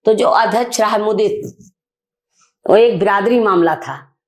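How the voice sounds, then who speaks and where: A woman's voice: medium pitch, measured pace. Older woman activist, fired up, acting out who said what. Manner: animated, indignant retelling with quoted dialogue. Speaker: activist guest. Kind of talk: storytelling in an interview.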